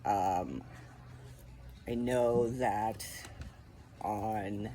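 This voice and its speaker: A man's voice: on the low side, steady tone, very slow, dark tone, a little hiss or hum. A young man casually telling a rambling personal update from home, full of ums and likes. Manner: rambling, filler-heavy storytelling. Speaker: vlogger. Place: home, indoors. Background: faint animal noises.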